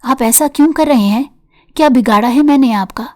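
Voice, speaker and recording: A woman's voice: fairly high pitch, mellow, natural voice. A woman playing a weeping, frightened young woman. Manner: pleading and tearful. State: crying.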